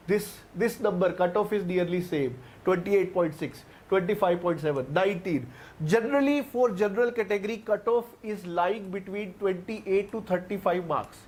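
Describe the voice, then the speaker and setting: Here a young man with an Indian English accent, whose darkish voice sits high, runs an online exam-prep class. He goes through the material step by step, says the same phrases again and again, and refers to the students as "guys."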